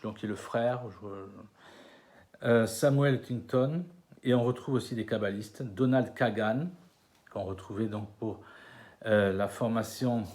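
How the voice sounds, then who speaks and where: French man lecturing, low voice. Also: a little mellow. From France. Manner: hesitant, many fillers and restarts, slow over names. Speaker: conference speaker. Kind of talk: lecture to an audience. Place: conference hall.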